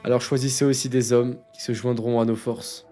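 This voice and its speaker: A man doing a composed, calculating officer who lays out his plan in a slow, measured island accent. The voice stays calm and deliberate, reading from a manga, with a faint wash of music behind it. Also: medium pitch, voice pushed down, natural voice. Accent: Caribbean-style put-on.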